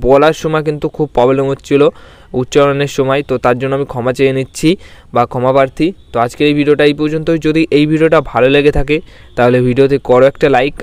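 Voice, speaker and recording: A man reading long squad lists as a voice-over, stumbling over names with restarts and filler pauses. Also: mid-range voice, clear, resonant tone, no room sound. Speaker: YouTube sports channel host.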